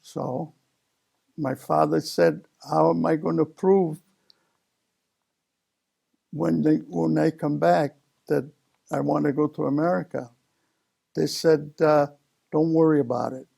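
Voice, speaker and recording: A man in his seventies, from Italy, telling his life story slowly in an oral history interview, with many pauses and fillers. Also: on the high side, fairly even intonation, gravelly, dark tone, slightly rough. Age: 70s. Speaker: interview guest.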